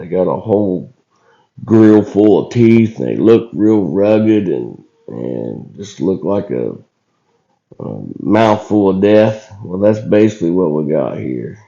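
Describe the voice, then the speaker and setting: This man's voice is deep, gravelly and slow, with a warm, expressive tone, though rough, scratchy and hoarse as he recovers from illness. As a video channel host, he gives casual footage commentary in a folksy, halting, colloquial way on a dull lo-fi recording.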